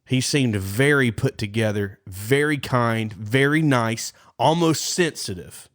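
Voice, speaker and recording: A man's voice: mid-range voice, slow. A man co-hosting a casual podcast, rambling and often circling back to repeat his phrases. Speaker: podcast co-host. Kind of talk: casual chat.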